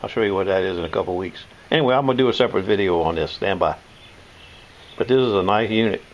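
A man's voice: low voice, fast, highs cut off, slight background noise. An older man, casually demonstrating tools in his home workshop, rambling and folksy. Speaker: knife sharpener showing his shop tools.

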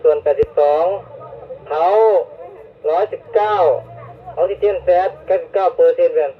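A man's voice: a little high, moderate pace. A man on a rescue unit, speaking over a walkie-talkie and reporting in clipped, formal radio codes and numbers. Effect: heard over a walkie-talkie radio. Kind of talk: radio dispatch call. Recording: tinny two-way radio with faint hiss.

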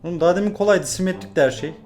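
A man's voice: high voice, racing, music in the background. A young man from Turkey chatting casually on his vlog as he works a puzzle, muttering and grumbling in mock frustration. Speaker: YouTuber solving a puzzle. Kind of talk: casual vlog chat while solving a puzzle.

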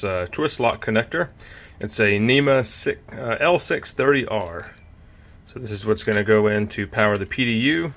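A man talks through his garage build in a relaxed, unscripted way, filling pauses with ums and uhs. His voice sits at an ordinary middle pitch. It sounds like a home DIY video recorded on the spot. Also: noisy background. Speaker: DIY vlogger. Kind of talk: casual walkthrough narration.

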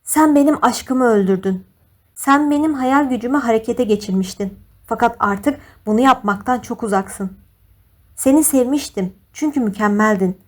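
A woman's voice: on the high side, moderate pace, natural voice. A woman voicing a cold, cruel young man who speaks harshly and with contempt. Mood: contemptuous.

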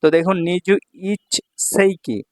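At a Dhaka language center, a Bangladeshi Japanese teacher explains kanji in an animated voice that sits high, with a darkish tone and no echo. He speaks at a moderate pace, patiently repeating words and often checking that his students follow.

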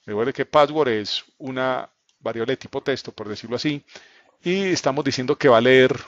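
A man's voice: medium pitch, moderate pace, dry recording. Male programming instructor, live online class, mid-range voice, dry and slightly muffled laptop-mic sound, patient and explanatory, keeps checking in with students. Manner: explanatory, asks students questions, frequent fillers like "entonces" and "¿cierto?". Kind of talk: live online class, screen-share walkthrough.

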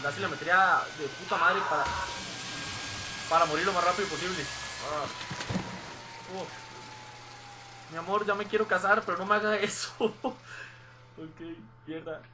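A man's voice: high-pitched, fairly even intonation, normal speed, pauses often, background noise. Jumpy, swearing man commentating a game. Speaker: gameplay commentator. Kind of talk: let's play commentary.

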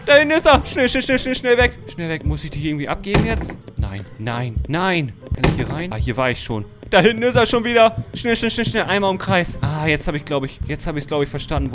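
A man doing let's-play commentary of a horror game, talking straight to his viewers, jumpy and quick to yelp and shout when startled. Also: a little high. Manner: keeps addressing viewers as friends. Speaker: gaming YouTuber.

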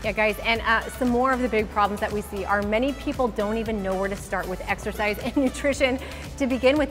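A woman in her thirties, a fitness coach co-hosting a promo, speaking in a bubbly, enthusiastic, emphatic way on a lapel mic in a bright studio. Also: high voice, big-room sound. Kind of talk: scripted promo pitch. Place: large bright indoor studio.

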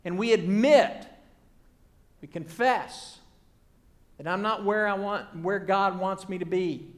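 A man preaching from the pulpit in a notably high voice. He builds his points through earnest, rhythmic repetition. He often lets a phrase sink down to a soft hush at its close. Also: takes it slowly. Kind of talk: sermon.

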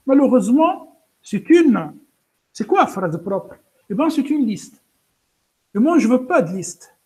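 Slow, hesitant high-voiced man teaching code. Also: a little mellow. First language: French-speaking, pronounces English words poorly. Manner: hesitant, many fillers and restarts; explains step by step, addresses students directly. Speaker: programming instructor. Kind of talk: live coding lesson.

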